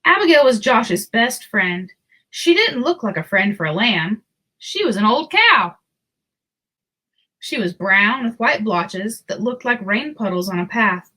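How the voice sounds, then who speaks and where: A woman reads a children's storybook aloud in a voice on the high side, telling the tale expressively and deliberately.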